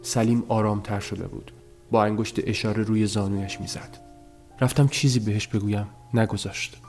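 A man narrating a story as an audiobook, in a measured, subdued telling. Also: lowish voice, fairly even intonation, darkish tone, faint music behind.

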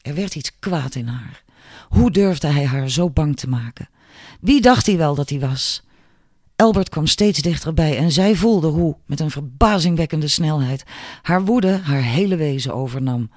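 A man narrating an audiobook in a measured storytelling way. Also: on the high side, lively intonation, darkish tone, no room sound, studio quality. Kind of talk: scripted narration.

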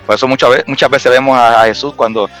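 A man's voice: mid-range voice, fairly even intonation, quick pace, a bit bright. A Puerto Rican man telling stories in casual chat, full of fillers and restarts. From Puerto Rico. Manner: storytelling with many fillers and restarts. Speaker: guest.

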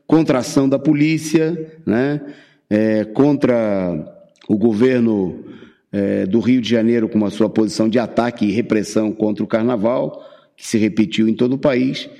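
A man giving a political radio commentary, halting, with many fillers and restarts. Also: mid-range voice, vocal fry, mellow, in a large hall.

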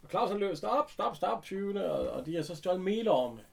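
A man chatting casually, retelling an episode with animated bits of acted dialogue. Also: high-pitched, gravelly, breathy edge. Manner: animated retelling, acting out characters' lines. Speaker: recapping a TV episode. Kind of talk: casual chat.

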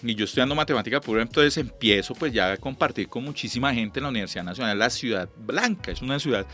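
A middle-aged Colombian man, a lyric singer, telling stories in a chatty, animated way during an interview, acting out the dialogue he recalls. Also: medium pitch, fast, soft background music. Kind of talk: relaxed storytelling.

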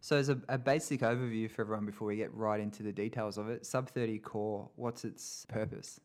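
A man's voice: on the low side, steady tone, brisk, darkish tone. A man hosting a podcast, giving an upbeat introduction and asking his guest questions. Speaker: podcast host.

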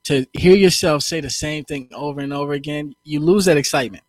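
A man's voice: fairly high pitch, brisk, no echo. A middle-aged man, a recording artist, chatting casually about making his album, loose and slangy, often asking "you know what I'm saying". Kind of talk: casual chat.

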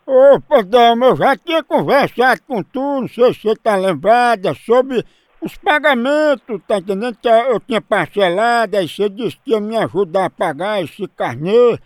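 A man's voice: high-pitched, expressive, normal speed, no room sound, clean studio sound. A man, a radio host making a comic prank phone call in a teasing, mock-innocent way.

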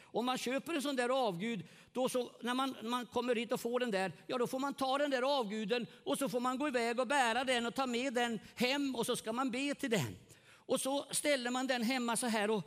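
Middle-aged male preacher, high voice, lively evangelistic sermon, long hall echo, questions to the congregation. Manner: animated, swings loud and soft, asks the congregation questions. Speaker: pastor.

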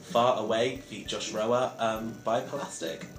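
A man's voice: fairly low pitch, steady tone, a little slow, reverberant, loud music behind the voice. Polished young male radio host. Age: young adult. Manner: polished, announcer-like, teasing. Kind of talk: casual radio chat. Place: student radio studio.

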